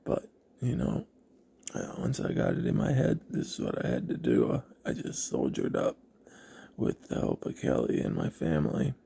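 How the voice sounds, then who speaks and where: A man telling his personal story in a halting, reflective way, with many pauses. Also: rumbling low, wildly swooping pitch, gravelly, warm tone, slightly rough. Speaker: vlogger.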